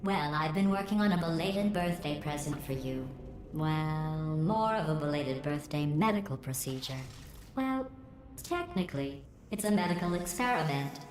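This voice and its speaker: A woman voicing a sarcastic female AI computer overseer through a robotic processed filter, with dry, mocking, deadpan delivery. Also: low voice, normal speed. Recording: roomy game audio with faint music.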